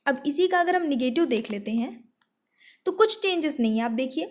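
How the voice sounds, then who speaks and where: A woman teaching an online English grammar lesson for exam preparation. She explains step by step and slows down to spell out each English example sentence. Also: high-pitched, expressive.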